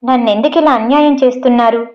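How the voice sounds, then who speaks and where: A woman's voice: a little high, steady tone, fast, dull audio, lightly acted. A woman reading as a tearful, pleading young wife. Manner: pleading and broken.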